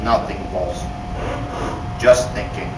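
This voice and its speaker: A woman's voice: extremely low pitch, slow. A woman acting in a drama as a bitter, despairing male prison-camp inmate, brooding and anguished. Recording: noisy, echoing room.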